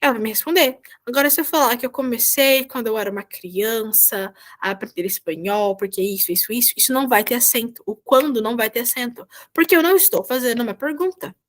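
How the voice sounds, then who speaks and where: A woman's voice: on the high side, fast. Patient Brazilian woman teaching online. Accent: Brazilian Portuguese. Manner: patient, repeats "tá?" to check understanding. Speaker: volunteer Spanish teacher. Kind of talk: online class explanation. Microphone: video call.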